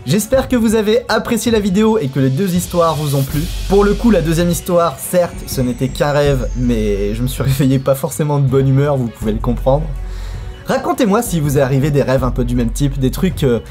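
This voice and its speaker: A man's voice: on the high side, brisk, faint music behind. Guy telling a story on his channel, slangy, talks straight to you, bouncy voice. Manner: lively, colloquial, addresses viewers directly. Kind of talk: storytelling vlog.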